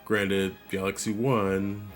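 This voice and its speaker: A man's voice: lowish voice, flat delivery, slow pace, faint music behind. A man vlogging about his gaming memories in a laid-back, conversational storytelling way. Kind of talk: storytelling monologue.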